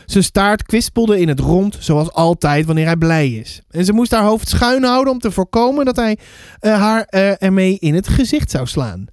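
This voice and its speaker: A man reading a children's book aloud for his podcast. His voice is high and lively, with small slips along the way. The sound is close and dry. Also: normal speed, clean tone, dry recording. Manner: lively, with fillers and self-corrections.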